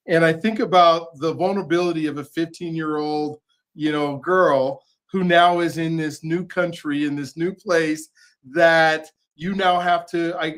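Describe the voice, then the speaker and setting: A man's voice: a little high, a bit bright. A man hosting a podcast, asking thoughtful questions in a conversational way with personal asides. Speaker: podcast host. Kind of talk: interviewer, conversational.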